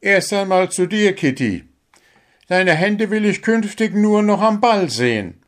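A tiny bird football coach with a shrill, piping voice that scolds his team sharply and mocks them with sarcasm. He speaks loudly and firmly, high above a normal speaking voice, in a storybook reading. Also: animated, measured pace. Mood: scolding.

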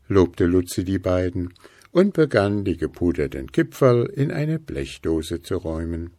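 A man slowly and expressively reading a children's story aloud. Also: low voice, dry recording, studio quality. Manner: slow and expressive. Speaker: narrator.

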